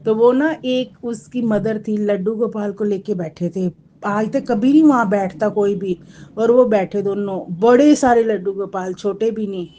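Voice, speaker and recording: In a mellow, mid-range voice at normal speed, an adult married woman with children earnestly tells a congregation a personal devotional story. She often quotes her own past words to others. The recording is muffled, with slight background noise.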